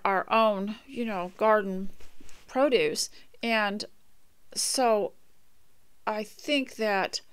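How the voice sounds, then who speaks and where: An older woman talks casually about home life and raising children. She rambles gently and often restarts her sentences, and her voice sits at an ordinary pitch. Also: smooth. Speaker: homemaking radio host. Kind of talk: casual homemaking talk with poem reading.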